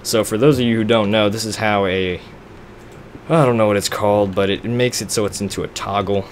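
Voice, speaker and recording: With a lowish, steady voice and a brisk pace, a young man narrates a block-building game as a let's play gamer, loosely and with self-deprecating humor as he sorts things out. There's slight background noise.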